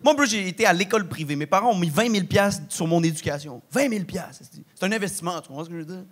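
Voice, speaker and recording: A young man with a Québécois French accent performing a stand-up comedy set, talking in a slangy, animated way peppered with swears. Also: high-pitched, rapid-fire. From Quebec. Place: large theatre stage with live audience.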